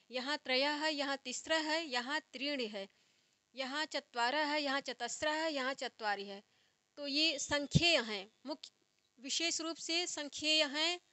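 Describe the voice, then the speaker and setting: A young woman teaching a Sanskrit exam-prep grammar lesson recites each word form slowly and repeats it, explaining step by step. Her high voice is bright and clear. The recording is dry and close, with no room sound or echo.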